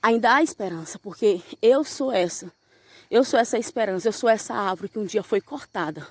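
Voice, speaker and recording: A woman's voice: mid-range voice, fairly quick, no room sound. A young woman giving a fervent evangelical testimony, telling her story and calling the listener "brother". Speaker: church member giving a testimony.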